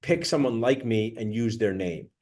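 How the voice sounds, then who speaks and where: A man with a mid-range voice runs a rehearsal at an event, coaching speakers on their lines. He is enthusiastic and quick to laugh, and his delivery stays loose and casual. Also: mid-range voice, lively intonation, a little mellow. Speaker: host running a sponsor rehearsal.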